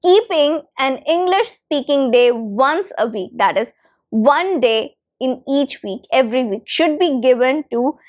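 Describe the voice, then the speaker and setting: An English teacher whose first language is Hindi gives a lesson to camera, emphatically repeating key phrases. Her voice sits high and is expressive, unhurried and a little mellow.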